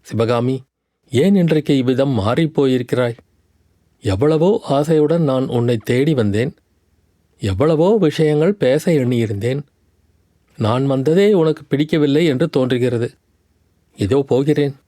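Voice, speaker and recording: A proud young warrior prince who teases and pleads by turns, as a male narrator plays him. His voice is mellow and dark, with a dry, close sound. It comes from an audiobook tale. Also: mid-range voice, measured pace, pauses often, no echo, lightly acted. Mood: hurt, annoyed. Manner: mocking, then pleading.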